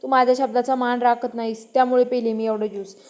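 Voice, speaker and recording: A woman doing a meek, polite young woman, high voice. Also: flat delivery, fast, a little mellow, close to an everyday voice. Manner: polite, deferential, calls him sir.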